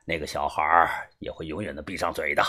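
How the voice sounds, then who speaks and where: A man voicing a sly, smug middle-aged fixer in an audiobook, speaking smoothly with a knowing edge. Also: extremely low pitch, little pitch movement, a little fast, bright, forceful tone, voice pushed down, exaggerated voice. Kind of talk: audiobook character voice.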